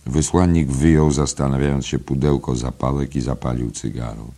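A man narrates a literary novel in an extremely deep, bass-heavy voice. His reading is slow and measured, often sinking to a quiet murmur. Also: fairly even intonation. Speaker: audiobook narrator.

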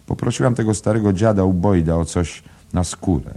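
Man reading as gossipy young barmaid, pitched up over a gravelly low voice, teasing, audiobook. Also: fairly quick, mellow. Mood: scornful. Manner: teasing, mimicking, laughing. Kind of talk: audiobook character voice.

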